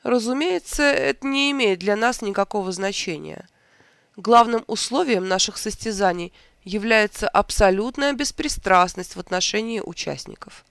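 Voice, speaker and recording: A reader voicing a pompous, easily irritated old king in a storybook tale, speaking slowly and grandly. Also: mid-range voice, gravelly, a bit bright, smooth, no room sound.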